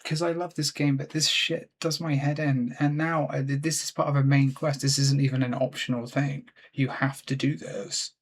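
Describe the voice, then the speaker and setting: A man's voice: mid-range voice, flat delivery, normal speed, hardly any pauses, slightly rough. Exasperated swearing gamer man. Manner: exasperated, swears constantly, talks to himself. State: frustrated. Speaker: let's play gamer. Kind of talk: gameplay commentary.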